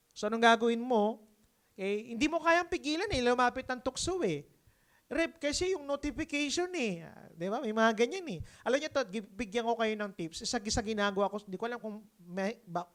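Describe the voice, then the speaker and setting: A man's voice: high-pitched, a little fast. A man with a Filipino accent preaching a conversational sermon. He mixes English into his talk and keeps checking in with the congregation. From Philippines. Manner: lively, keeps asking the congregation "di ba?". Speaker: pastor.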